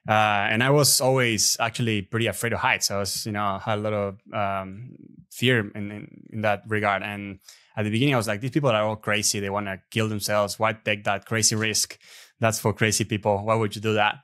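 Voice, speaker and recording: A man, a podcast guest telling stories in a relaxed, chatty way over a remote call. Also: fairly low pitch, a little fast. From Argentina. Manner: relaxed, chatty storyteller with frequent fillers. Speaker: podcast guest, app developer. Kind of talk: casual interview chat. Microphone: remote video call.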